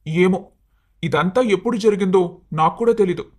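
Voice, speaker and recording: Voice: medium pitch, moderate pace, close to an everyday voice. Someone voicing an earnest, hot-tempered young husband. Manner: pleading, emotional. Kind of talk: Telugu storybook cartoon dialogue.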